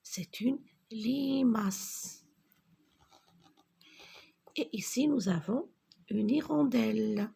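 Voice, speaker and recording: Slow, dark-voiced woman teaching reading. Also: on the high side, creaky, slightly rough. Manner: slow, spelling out letters and syllables, often repeating words. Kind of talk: reading lesson for young children.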